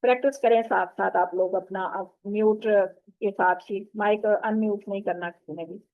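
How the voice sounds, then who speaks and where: A woman teaching an online tajweed lesson, patiently explaining and modelling each sound with slow, drawn-out recitation over a video call. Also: mid-range voice, steady tone. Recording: tinny phone-like online call audio.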